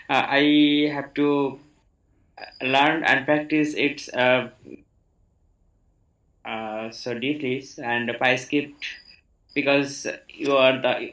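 A man from Bangladesh, a beginner speaking in a hesitant, earnest, halting way on a video call. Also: medium pitch, steady tone, sharp tone. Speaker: beginner participant. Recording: roomy echo.

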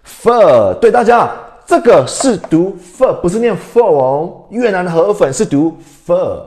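A man's voice: on the high side, darkish tone. A young adult man from Canada teaching an English lesson on a livestream, switching between Mandarin and English and quizzing his viewers.

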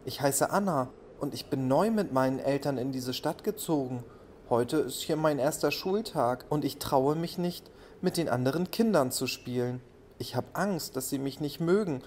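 A man voicing a shy, kind little schoolgirl who is new in town, speaking quietly, in a children's bedtime audio play. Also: mid-range voice, moderate pace, slight background noise, lightly acted.

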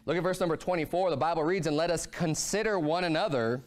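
High-voiced earnest man preaching from a pulpit. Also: quick pace. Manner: earnest, conversational preaching with many restarts. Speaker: pastor. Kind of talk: sermon. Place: church sanctuary, at a pulpit.

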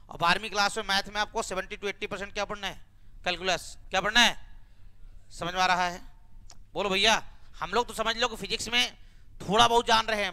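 A man's voice: high-pitched, pushed and bright, clear, resonant tone. A man teaching a maths class, coaxing students to answer with repeated rhetorical questions and homely examples.

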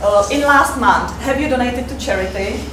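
Recorded from afar on a camera mic in an echoey seminar room with noisy background, this thirtysomething fundraiser from the Czech Republic gives a conference presentation. Her fairly high voice comes through halting and hesitant, her non-native English studded with fillers.

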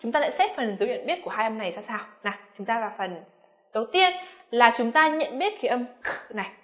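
Woman, pronunciation teacher, bright slightly high voice, quizzes the class and models each word slowly. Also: animated. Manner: addresses learners as "các em", frequent rhetorical questions; slows down to model English words slowly. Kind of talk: classroom-style pronunciation lesson.

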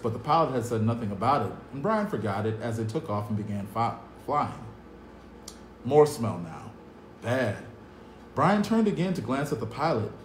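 A youth club staff member in his thirties reads a novel aloud to kids in a medium-pitched voice, earnest and dramatic, turning upbeat at the close. He sits at a table in an indoor cinderblock room, recorded on a phone, and the bare room sounds echoey with a faint hum.

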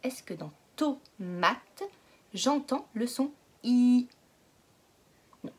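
A woman teaching a phonics lesson to young children, stretching out each word slowly and patiently asking questions. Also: a little high, expressive, a little mellow, slightly rough. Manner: slow, exaggerated word pronunciation. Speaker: kindergarten teacher.

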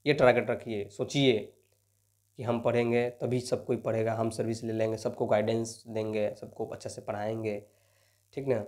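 A man's voice: on the low side, level tone, normal speed, a little mellow. A young man, a coaching teacher who solves exam questions and keeps coaxing his students, tagging his sentences with a constant "right?". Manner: repeats "ठीक ना" as a tag, coaxing and motivational. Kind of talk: lecture solving exam questions.

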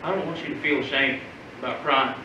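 Young guy doing a genial southern-uncle type, high-ish voice, stage mic far off, lots of hall echo. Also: measured pace, noisy background. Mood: soothing. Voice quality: folksy, coaxing, animated. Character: genial Southern uncle teaching a boy fishing. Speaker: stage actor. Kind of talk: live stage monologue. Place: theater stage. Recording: very echoey theater from far off.

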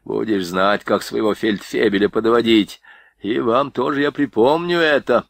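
A man's voice: a little high, lively intonation, unhurried, gravelly, fairly bright tone, no room sound, clean studio sound, pitched above the performer's own voice, heavily acted. A man voicing a whining, threatening army sergeant in an audiobook, crude and self-pitying. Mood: whining threats. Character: whiny bullying middle-aged male army sergeant.

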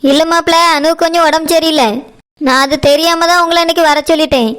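A woman's voice: very high-pitched, fairly even intonation, fast talker, a bit bright. A woman voicing a stern, domineering mother who talks in a harsh, commanding way, in a cartoon. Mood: evasive. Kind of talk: cartoon voice acting.

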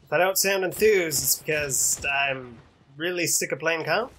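A man's voice: a little high, a little slow, bright, forceful tone, a little hiss or hum. A young man with a stuffy nose giving casual, joking commentary while playing a game. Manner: chatty, joking, talks to the game. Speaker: gaming YouTuber.

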